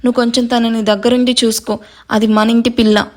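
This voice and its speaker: A woman's voice: on the high side, little pitch movement, brisk, lightly acted. A woman reading a fussing, caring mother. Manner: gentle and fussing. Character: caring middle-aged mother.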